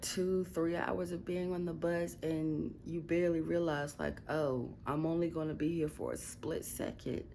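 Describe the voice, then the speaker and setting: A woman's voice: low-pitched, gravelly, a little mellow, a little hiss or hum. A woman vlogging casually from her bedroom at night, talking bluntly and profanely in a groggy just-woke-up voice, with a Midwestern American accent. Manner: blunt, profane, rambling storytelling. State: groggy morning voice. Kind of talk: casual late-night vlog.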